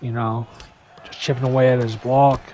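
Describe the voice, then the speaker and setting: A young man giving a casual gameplay breakdown, full of "you know" fillers and sometimes rushing to keep up with the action. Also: medium pitch, level tone, warm tone, a little hiss or hum. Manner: casual, filler-heavy, talks fast to keep up. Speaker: gaming YouTuber.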